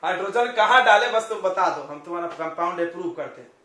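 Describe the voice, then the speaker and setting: A male coaching-class teacher giving a chatty chemistry lesson, joking with his students and firing quick questions at them. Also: high-pitched, lively intonation, bright, forceful tone. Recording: very echoey classroom, distant mic.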